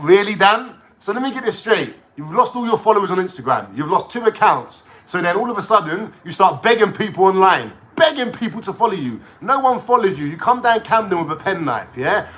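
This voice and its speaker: A man's voice: sits high, big pitch swings, fairly quick, fairly bright tone. A young man, ranting to camera in a mocking, slangy way, swearing a lot. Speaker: vlogger.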